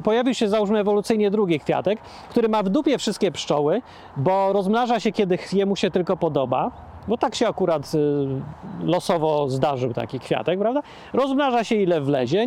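A man's voice: high-pitched, animated, a little fast, a little mellow, a little hiss or hum. A man talking casually outdoors among plants, indignant and rhetorical, with many hesitations and restarts. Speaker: vlogger.

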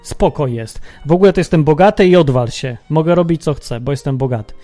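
A podcast host with a strikingly high voice unhurriedly delivers a reflective religious monologue, musing aloud and repeatedly posing rhetorical questions to the listener. His delivery is expressive, slightly quick, and dark in tone, with faint music in the background.

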